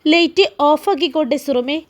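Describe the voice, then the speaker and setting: A woman reading a storybook, voicing an affectionate young husband who asks softly and gently. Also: high voice, moderate pace, close to an everyday voice. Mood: coaxing.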